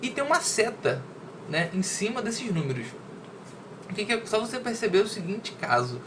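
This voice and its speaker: A man's voice: high-pitched, very animated, moderate pace, a bit bright, a little hiss or hum. Man teaching a grammar lesson. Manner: conversational, checks understanding with "né?" and "entendeu?". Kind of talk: reading a poem, then explaining a grammar lesson.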